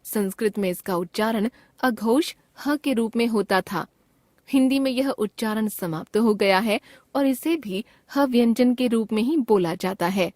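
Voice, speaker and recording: Slow, careful woman reading a grammar lesson. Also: medium pitch, dry recording. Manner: repeats each word twice for pronunciation drill; steady, measured recital of grammar rules. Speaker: Hindi grammar teacher.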